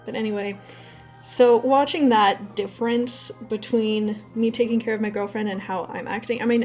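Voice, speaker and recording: A woman's voice: a little high, a little mellow. A young adult woman vlogging in a casual, candid, rambling way, telling personal stories and swearing now and then. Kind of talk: casual personal storytelling to camera.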